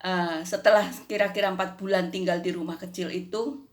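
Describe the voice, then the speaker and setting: A woman's voice: lowish voice, fairly even intonation, a little fast. An older woman giving a personal faith testimony in a conversational way, with frequent tag questions. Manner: conversational, frequent "gitu ya" tags, acts out dialogue.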